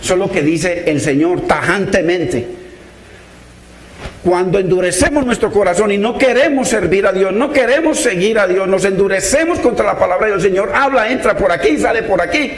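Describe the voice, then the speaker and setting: A man preaches a sermon in a high voice. He sounds earnest and pleading, and keeps calling out to his brothers in faith. His voice rings around an echoey room. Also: expressive, normal speed, a little hiss or hum. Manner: earnest, pleading, repeats "hermano" often.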